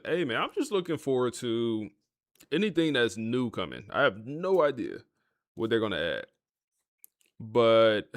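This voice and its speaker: A man's voice: medium pitch, no room sound, clean studio sound. A man hosting a gaming livestream, chatting casually to his viewers in a laid-back, talkative way while he plays. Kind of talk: casual live-stream commentary.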